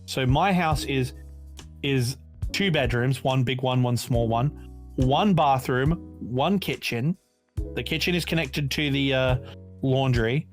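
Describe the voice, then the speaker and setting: A man in his late twenties with an Australian accent, chatting casually on a podcast and explaining things at length in an animated way. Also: medium pitch, slow pace, faint music behind. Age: 20s. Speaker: podcast co-host.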